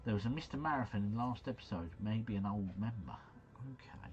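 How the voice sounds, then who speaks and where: This streamer's lowish voice has lively intonation and runs a little fast, captured with lo-fi sound and a little hiss or hum. Hosting a quiz game, he chats and jokes with his audience, reads chat aloud, and stumbles over foreign names he mumbles.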